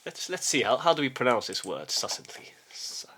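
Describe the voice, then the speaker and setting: In a husky, sing-song voice of mid-range pitch, a channel host muses through a reflective monologue. His delivery is halting and full of restarts, punctuated by a gentle "yes?" aimed at the listener.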